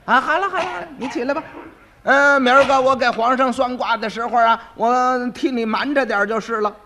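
A man voicing a sly male fortune-teller who puts on slow, self-important airs in a comic storytelling act. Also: very high-pitched, pushed and bright, slight background noise, pitched above the performer's own voice. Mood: smug.

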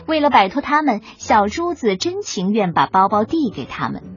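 A woman narrating a children's storybook in a lively, expressive reading. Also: mid-range voice, normal speed, breathy edge. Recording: dull lo-fi recording, faint music.

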